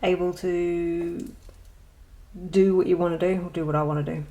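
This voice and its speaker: A colouring channel host chats casually in a show-and-tell vlog, rambling and hesitant with many ums and self-deprecating asides. Her voice is fairly low and mellow, with fairly even intonation and a moderate pace. The highs in the recording are cut off.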